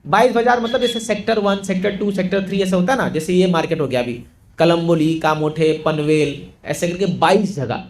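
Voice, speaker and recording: A man preaching to a congregation, telling a story in an animated way and acting out the characters' lines. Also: sits high, fairly quick. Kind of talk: storytelling sermon.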